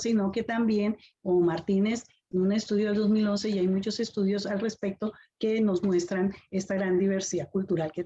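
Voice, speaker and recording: A woman with a Colombian Caribbean Spanish accent giving a semi-formal academic presentation as an educator, in a halting, explanatory way. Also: mid-range voice, dark tone, a little hiss or hum. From Colombian Caribbean islands. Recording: dull lo-fi audio.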